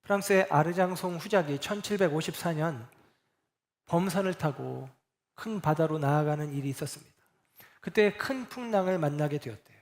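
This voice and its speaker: A middle-aged man delivers a sermon in a somewhat high voice. He leans on rhetorical questions and acts out little scenes with quoted voices. He swings from loud emphasis to soft, low closing lines. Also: normal speed. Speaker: pastor.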